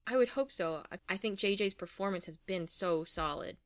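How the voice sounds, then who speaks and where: A woman's voice: medium pitch, moderate pace, dry recording, clean studio sound. A woman co-hosting a casual sports podcast, playful and easygoing, with filler words. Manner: casual, playful, says "like" and "friggin'". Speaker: podcast co-host. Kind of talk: casual chat.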